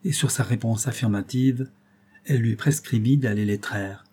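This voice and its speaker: A man reading a classic tale aloud as an audiobook, in a measured, dramatic manner. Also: mid-range voice, a little mellow, husky. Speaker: audiobook reader. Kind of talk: scripted narration of a classic tale.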